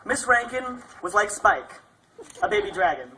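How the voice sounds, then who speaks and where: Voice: mid-range voice, sing-song, normal speed, pushed and bright, a little hiss or hum, poor audio. A young adult speaker delivering a prepared graduation speech as a graduating student.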